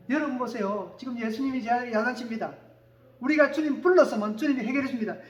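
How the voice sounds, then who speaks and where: A male pastor delivers a sermon in a very high voice, dropping to quiet asides and then rising to shouted declarations. He keeps calling for amens from the congregation. The sound rings around an echoey church sanctuary. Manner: calls for amen from the congregation.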